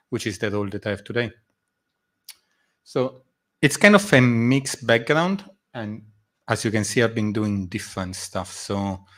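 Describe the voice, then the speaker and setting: A man's voice: on the low side, fairly bright tone. Middle-aged man giving a meetup talk. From Argentina and Italy. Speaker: guest speaker. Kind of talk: conference presentation. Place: meetup room before a live audience.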